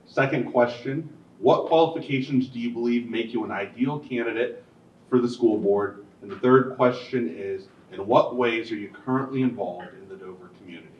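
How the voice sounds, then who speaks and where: A man's voice: mid-range voice, normal speed. Businesslike man reading questions afar. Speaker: forum moderator. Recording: echoey room from far off, dull sound.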